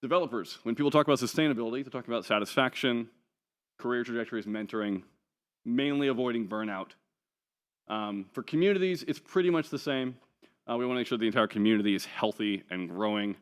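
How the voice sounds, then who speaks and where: In a conference hall, a man with a New Zealand accent runs through his slides with a smooth, mid-range voice that is animated and fast. He's relaxed and chatty, full of ums and dry, offhand humor.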